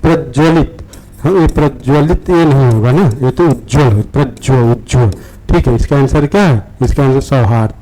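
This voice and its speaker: A man's voice: medium pitch, moderate pace, dark tone, rough recording. A man explaining practice questions to exam students, repeating words and often checking in with "theek hai". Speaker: exam-prep teacher.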